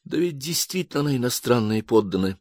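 A man reads an audiobook in a lively, theatrical style. His mid-pitched voice sits close and dry, with no room sound. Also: fast talker, no room sound. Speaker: audiobook narrator. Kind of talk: expressive audiobook narration.

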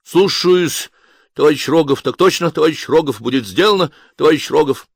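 A man's voice: a little high, normal speed, creaky, slightly rough, dry recording, voice pushed up. Man doing a nervy, fawning young patrol boss, raised voice, dry close sound. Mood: servile. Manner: eager, fawning replies. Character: nervous young male patrol chief, servile and fawning.

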